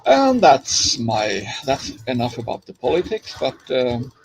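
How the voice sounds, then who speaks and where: A Finnish man with a Finnish accent chats casually on a live stream while playing, over music. His mid-range voice is creaky and unhurried with huge pitch swings, and he rambles with lots of fillers and restarts.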